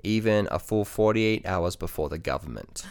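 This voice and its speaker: Deep-voiced man telling a history story. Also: normal speed, clean tone. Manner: relaxed, hesitant, many ums and restarts. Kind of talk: casual storytelling chat.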